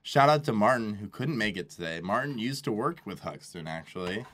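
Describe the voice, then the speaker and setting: A man co-hosting a casual chat, blunt and teasing, reacting quickly to the others. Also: fairly low pitch, animated, heavy background noise. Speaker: podcast co-host.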